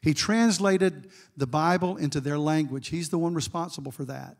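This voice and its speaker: A man's voice: on the high side, moderate pace. A middle-aged man giving a sermon as guest preacher, telling a story with asides to the congregation.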